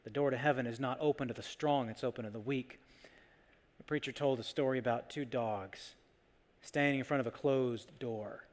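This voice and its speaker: A man's voice: medium pitch, steady tone, normal speed, big-room sound. A male pastor preaching a sermon in a church, telling a story and building to emphatic, repeated points. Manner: storytelling, rising emphatic repetition. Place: church sanctuary.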